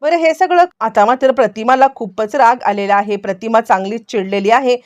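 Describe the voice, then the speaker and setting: A woman's voice: on the high side, brisk, dry recording. Woman recounting a serial plot. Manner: chains events with repeated connecting phrases and quoted dialogue. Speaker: storyteller.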